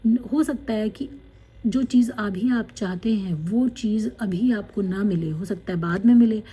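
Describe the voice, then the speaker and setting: A woman tarot card reader, gently guiding viewers through a spiritual card reading, with many fillers. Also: mid-range voice, breathy edge. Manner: slow, gentle guidance with many fillers, reading card messages aloud in English.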